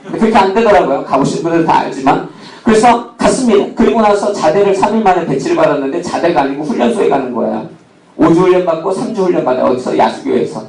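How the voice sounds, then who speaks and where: A man's voice: on the high side, animated, fast talker, vocal fry, crowd noise. A male pastor preaching a sermon, asking the congregation questions and telling a humorous personal story. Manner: asks the congregation rhetorical questions. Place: church sanctuary. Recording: echoey hall, mic at a distance.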